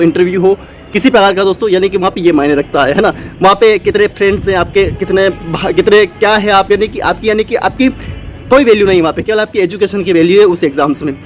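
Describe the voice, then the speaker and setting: A man's voice: high voice, slight background noise. A man giving an unscripted motivational talk to exam students, rambling with many fillers and restarts. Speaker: motivational channel host.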